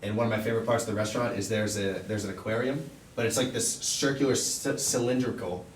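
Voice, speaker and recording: Young man, persuasive sales pitch, emphatic assurances, lowish voice, recorded far from the mic. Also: quick pace. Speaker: event venue salesperson in a role play. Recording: echoey room, distant mic, faint rumbling noise.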